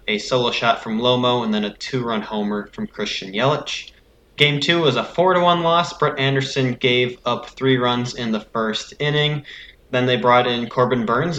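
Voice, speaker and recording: Bright-voiced American man, distorted roomy mic. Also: medium pitch, slight background noise. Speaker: podcast host. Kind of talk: sports podcast chat and game recap. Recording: distorted damaged microphone, roomy echo.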